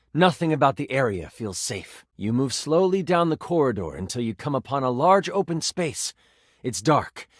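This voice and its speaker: A man with a mid-range voice plays an enthusiastic game master, a personified die narrating a tabletop fantasy with theatrical expression and savored suspense. It's a dry recording with clean studio sound.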